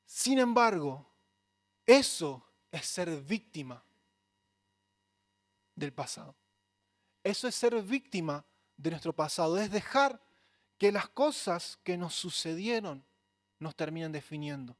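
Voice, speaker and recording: A man's voice: on the high side, expressive, takes it slowly, long pauses, no room sound. A man preaching a sermon in a Rioplatense accent, earnest and conversational. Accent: Rioplatense Spanish. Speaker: pastor.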